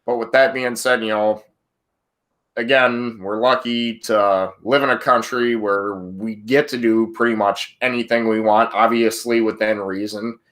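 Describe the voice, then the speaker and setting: A man's voice: on the low side, fairly even intonation, a little slow, fairly bright tone. Rambling friendly podcast host man. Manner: rambling, friendly, self-correcting. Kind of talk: casual chat.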